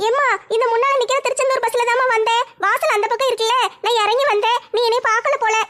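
A woman voicing a shy, sweet young village daughter, pleading softly. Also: extremely high pitch, steady tone, quick pace, pitched above the performer's own voice. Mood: affectionate.

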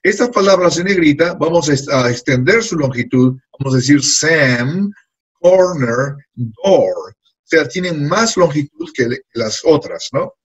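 A man's voice: fairly high pitch, lively intonation, moderate pace, breathy edge, lo-fi sound. A man teaching an English class in to a group of students, patiently repeating words and phrases. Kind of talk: classroom lesson.

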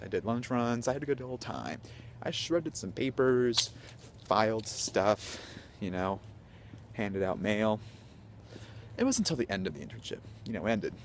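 A young man telling a story to a handheld camera on a city street at night, hyper and animated, dropping to whispers at times. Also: fairly low pitch, a little hiss or hum. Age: young adult. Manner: hyper, animated, swings between loud and whispering. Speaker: vlogger. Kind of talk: casual storytelling vlog. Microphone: handheld camera at arm's length.

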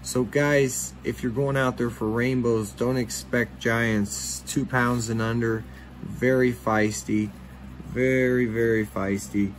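A man's voice: mid-range voice, fairly even intonation, slow, slight background noise, low-quality recording. A man hosting a fishing channel, talking casually in a rambling voice-over with many fillers and restarts.

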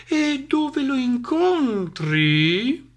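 A man voicing a silly, easily startled female snake in a storybook reading, high and drawn out. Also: very animated, extremely slow, full character voice. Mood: astonished.

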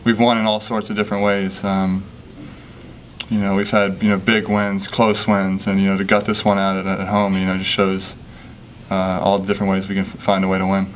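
Young male athlete at a postgame presser; low, flat delivery, hesitant, faint background hum. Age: young adult. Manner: halting, many fillers and restarts. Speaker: college basketball player. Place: press conference room with sponsor backdrop. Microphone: table microphone.

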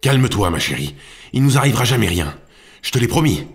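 A man's voice: lowish voice, big pitch swings, fast, soft background music, voice pushed up. A man voicing a short, balding wigmaker in his fifties, unhinged, with a raised and urgent manner, in an audiobook. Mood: agitated.

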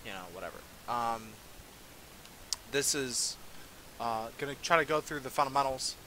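A young man talks through a strategy game in a loose, rambling way, stopping often for fillers and wry little asides about himself. His voice sits at an ordinary middle pitch. A clear, steady hiss runs under the home recording. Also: normal speed. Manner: rambling, self-deprecating, many fillers. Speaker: game tutorial presenter. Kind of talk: casual gameplay commentary.

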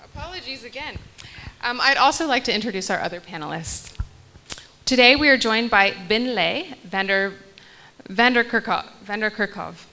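On a large hall stage, a young woman moderating a panel reads guest bios into a handheld mic, laughing lightly at her own small slips. Her voice is on the high side, animated, pushed and bright, at normal speed, with slight background noise.

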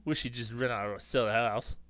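A man's voice: medium pitch, steady tone, fairly quick, fairly bright tone, dry recording, natural voice. Game NPC: a man voicing a middle-aged neighbor man, folksy, nosy, chatty. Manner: folksy, nosy small talk.

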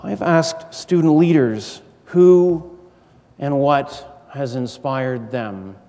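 A middle-aged man giving a prepared formal speech as a university lecturer, measured and earnest, with deliberate rhetorical pauses. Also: medium pitch, dark tone. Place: large university auditorium stage. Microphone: gooseneck podium microphone. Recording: echoey hall with long reverb.

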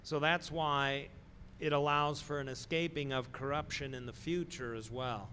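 A middle-aged man preaching a sermon in a slow, deliberate way, pausing often and stressing key words. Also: on the high side, steady tone, bright, forceful tone, slight background noise. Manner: slow, deliberate delivery with pauses and emphatic stresses. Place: church sanctuary, speaking from a wooden pulpit.

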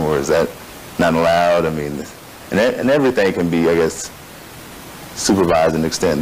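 A man questioning a witness in a courtroom, halting and full of fillers. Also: very deep voice, darkish tone, slight background noise, rough recording. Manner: halting, many fillers and restarts.

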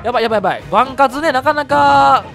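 A man with a Kansai Japanese accent commentating his own fighting game matches, excitable and quick to shout and laugh at big plays. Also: very high-pitched, creaky. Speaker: gameplay commentator. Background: background music.

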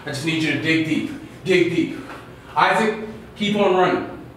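A man coaching basketball gives an exhorting halftime pep speech, loud and often shouting, with short repeated commands. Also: fairly high pitch, moderate pace. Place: indoor locker room. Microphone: far camera. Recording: roomy, distant camera microphone with noise.

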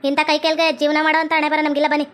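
High-voiced woman, acting loud and pleading in a homemade family drama. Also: level tone, very fast. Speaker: lead actress and channel host.

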